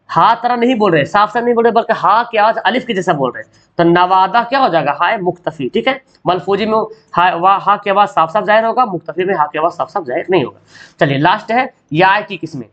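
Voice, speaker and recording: A man's voice: sits high, a bit bright, dull audio. A man teaching an online grammar lesson. He asks questions and answers them himself, and he stretches out sounds to show how words are said. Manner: drawn-out sounds to show pronunciation.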